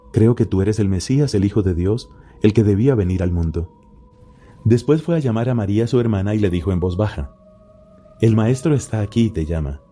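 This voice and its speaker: A man, a friar, reading the Gospel aloud in a solemn, measured and unhurried way. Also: lowish voice, mellow. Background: faint Gregorian chant music.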